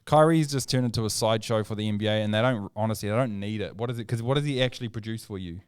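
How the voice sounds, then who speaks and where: Racing through his arguments, a man from New Zealand co-hosts a casual sports podcast, opinionated and insistent, his energy climbing as he presses on. The voice sits on the low side with a clean tone, recorded in a clean studio with no echo.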